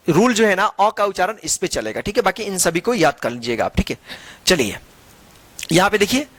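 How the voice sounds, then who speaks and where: A man with a high-pitched voice teaches a phonics lesson, spelling each word letter by letter before reading it aloud. He patiently asks the class to repeat after him. The recording is close and dry. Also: a bit bright, dry recording. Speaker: English teacher.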